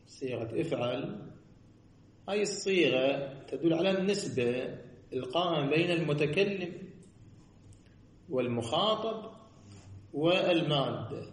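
A man giving a scholarly lesson, posing rhetorical questions and answering them himself in a sing-song cadence. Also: fairly high pitch. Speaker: teacher. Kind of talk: seminary lecture on jurisprudence. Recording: echoey room.

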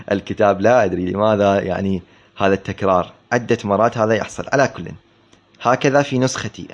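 Man teaching grammar slowly, dull lo-fi sound. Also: lowish voice. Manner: slow, explanatory, repeats words for emphasis, asks rhetorical questions. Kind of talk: classroom text commentary. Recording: dull lo-fi recording.

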